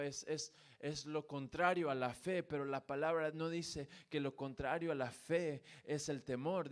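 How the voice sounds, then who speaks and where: A man preaching a sermon in a church, swinging between emphatic peaks and quiet, repeated refrains. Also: on the high side. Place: church sanctuary.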